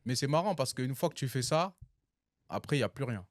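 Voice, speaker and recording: A man's voice: medium pitch, lively intonation, fairly quick, no room sound, clean studio sound. A man, a guest in a casual podcast chat, speaking directly and telling his stories with animation.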